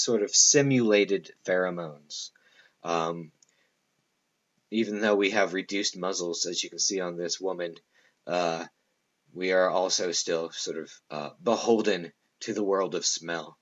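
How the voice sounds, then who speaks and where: A man lecturing a class in a relaxed, rambling way, stopping for fillers and quick asides to the room. His voice sits a little low. The recording is dull and lo-fi. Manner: loose, conversational, many fillers and asides to students.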